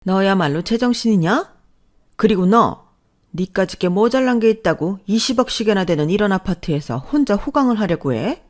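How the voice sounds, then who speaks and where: A woman's voice: mid-range voice, animated, normal speed, darkish tone, natural voice. A woman voicing a domineering older mother-in-law who scolds with contempt. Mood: scornful.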